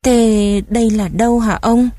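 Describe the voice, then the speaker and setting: A woman's voice: on the high side, steady tone, a little slow, warm tone, no echo, studio quality. A woman voicing an eager, curious young boy asking his grandfather questions.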